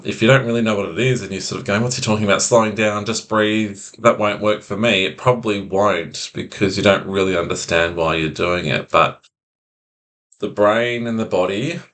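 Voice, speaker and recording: Male anxiety coach, very low voice, slow soothing delivery, talks straight to camera. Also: fairly bright tone. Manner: slow, soothing, repetitive phrasing. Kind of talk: calm instructional monologue.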